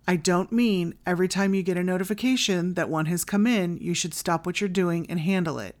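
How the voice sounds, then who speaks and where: Female podcast host, slightly low register, delivering scripted tips in a tidy, instructional manner. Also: fairly quick, darkish tone. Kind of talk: scripted solo advice narration.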